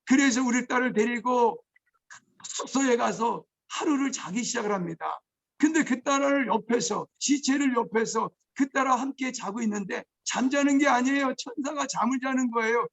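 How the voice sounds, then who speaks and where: A male pastor preaching a testimony sermon, moving between hushed storytelling and shouted outbursts. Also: very high voice, moderate pace, creaky. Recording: dull lo-fi recording.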